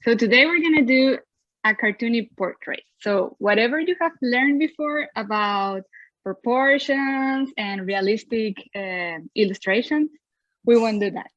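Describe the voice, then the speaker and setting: Teaching an online drawing class, a young woman with a Venezuelan Spanish accent, a native Spanish speaker, stays cheerful and often laughs in her role as art teacher. Her pitch is fairly high and her pace unhurried. No echo is present, though the audio is dull.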